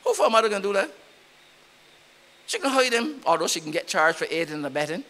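A man's voice: high-pitched, big pitch swings, fast talker, pushed and bright. A man with a Barbadian accent preaching a sermon in church, emphatic and repetitive, often rising in volume. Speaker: pastor.

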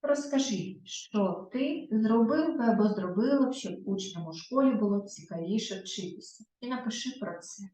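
A woman's voice: fairly high pitch, animated, mellow. Echoey, distant woman teaching grammar. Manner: slow, clear dictation of word forms. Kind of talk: classroom grammar lesson.

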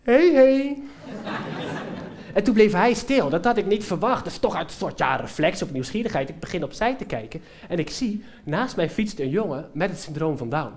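A young man doing a stand-up comedy monologue on a theater stage, telling an animated story straight to the live audience. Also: high-pitched, a little fast, few pauses. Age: young adult.

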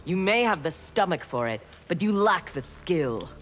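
In a fighting game's intro banter, an actress voices a stern clan warrior woman in armor, cold, clipped and menacing. Her voice sits on the low side with big pitch swings at a normal speed, over game music and slight background noise.

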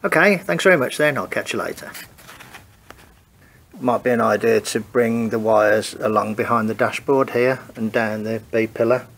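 A man's lowish, slightly bright voice carries some vocal fry at a normal pace. Nasal with a cold, he gives a casual, hesitant walkthrough of his car wiring in a home garage, thinking out loud.

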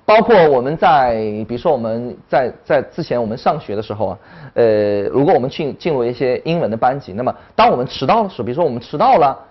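A woman teaching an online English lesson, talking in an animated way and demonstrating tones with her voice. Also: rumbling low, quick pace, husky, muffled recording.

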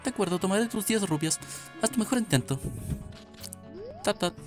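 Man putting on a high-pitched brisk woman gatekeeper. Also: music in the background, lightly acted. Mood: brisk, commanding. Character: brisk female gatekeeper of a desert training ground. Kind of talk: reading game dialogue aloud in character.

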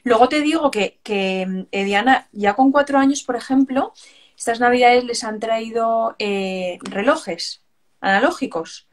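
A woman's voice: on the high side, a little slow. A woman hosting a live stream, chatting casually about her kids with many fillers. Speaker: live stream host and mother.

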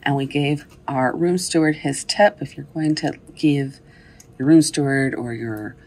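A woman's voice: sits low, measured pace, darkish tone. A woman in her thirties chatting through a travel vlog, explaining and teasing, filmed at arm's length in a small cruise cabin. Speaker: vlogger. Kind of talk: casual travel vlog narration. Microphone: camera held at arm's length.

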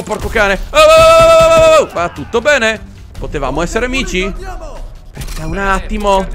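A man's voice: sits high, a bit bright. A young man giving joking, chatty commentary while playing a war video game. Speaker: gaming video host. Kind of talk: let's play commentary.

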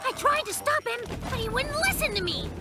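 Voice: very high-pitched, lively intonation, a little fast, loud music behind the voice. An actor doing a boastful, fibbing bear cub. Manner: bragging, tall tales, yelps and squeals. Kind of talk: cartoon voice acting.

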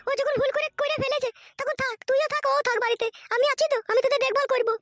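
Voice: very high-pitched, fairly even intonation, very fast, background noise. A performer voicing an older cartoon mother-in-law, stern with her son and soothing with the wives. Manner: soothing and resigned.

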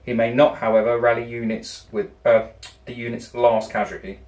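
A man explaining his tabletop army and its rules in a steady, hesitant way at home. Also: medium pitch, normal speed. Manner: steady, reads out unit rules with hesitant ums. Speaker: opposing wargame player. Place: home room with a wargame table. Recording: roomy echo.

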